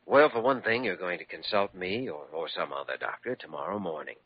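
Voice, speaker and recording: Low-voiced, earnest radio drama doctor. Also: male voice, huge pitch swings, brisk, creaky, breathy edge, full character voice. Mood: kindly, firm. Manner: patient, firm, coaxing. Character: earnest, persuasive young hospital doctor. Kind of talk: old-time radio drama acting. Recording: muffled old radio broadcast recording.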